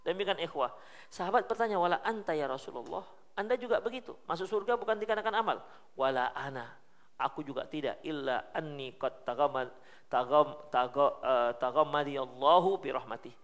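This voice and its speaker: A male Islamic preacher with a Medan Indonesian accent delivers a sermon full of lively storytelling, shifting between loud emphasis and soft, hushed asides. His voice is a little high and a little fast.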